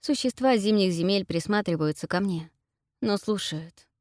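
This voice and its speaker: A woman narrating a first-person fantasy audiobook with an expressive, dramatic reading. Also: fairly low pitch, normal speed, no room sound, clean studio sound.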